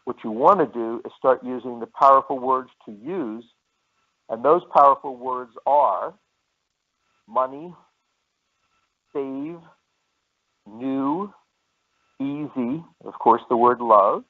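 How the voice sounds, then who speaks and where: Man, sales trainer, lecturing, repetitive, thin phone-line sound, mid-pitched voice. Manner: repetitive, lecturing, pauses to list words slowly. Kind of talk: training presentation.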